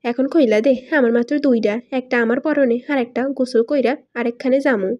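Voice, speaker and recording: A woman's voice: on the high side, fairly even intonation, fairly quick, lo-fi sound, close to an everyday voice. A woman voicing a blustering, stingy young husband who trades curses in coarse village dialect in a read-aloud story. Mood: irritated. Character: cursing, stingy young man, newly married.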